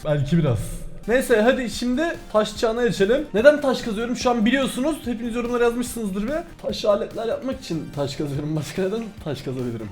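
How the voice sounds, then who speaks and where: A young man giving excitable, casual commentary over his own gameplay, swearing lightly and talking straight to his viewers. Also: extremely high pitch, fast talker, few pauses, soft background music. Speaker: gaming YouTuber.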